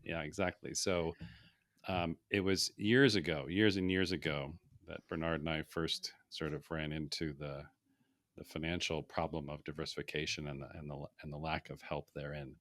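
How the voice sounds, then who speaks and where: Deep-voiced, thoughtful male guest. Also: flat delivery, a bit bright, no room sound, clean studio sound. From Saudi Arabia. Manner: thoughtful, structured, with pauses and fillers. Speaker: guest, portfolio manager. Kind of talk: casual interview.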